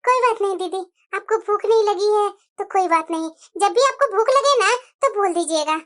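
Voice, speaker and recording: A woman's voice: extremely high pitch, animated, fairly quick. A woman voicing a meek, sugary cartoon daughter-in-law. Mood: sweetly polite. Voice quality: soft, sweetly submissive. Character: meek, overly polite young daughter-in-law. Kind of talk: Hindi cartoon voice acting.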